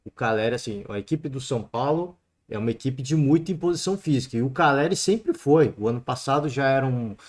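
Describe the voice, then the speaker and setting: A man with a Brazilian Portuguese accent hosts a sports podcast solo, offering casual, chatty football commentary sprinkled with "né" and "cara." His mid-range voice moves briskly with lively intonation.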